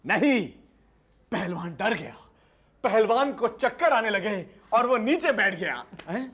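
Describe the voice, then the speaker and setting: An actor playing a bumbling, boastful young husband in a 1990s sitcom, loud and hammy, stammering when scared. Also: male voice, sits high, lively intonation, a little slow, husky, dry recording, full character voice. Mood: bragging. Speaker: lead comic character.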